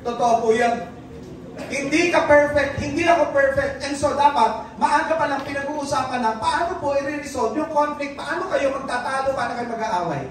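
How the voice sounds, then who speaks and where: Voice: sits high, moderate pace. A preacher giving a sermon, switching between Tagalog and English and quizzing the congregation. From Philippines. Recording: very echoey church hall, distant mic, faint noise.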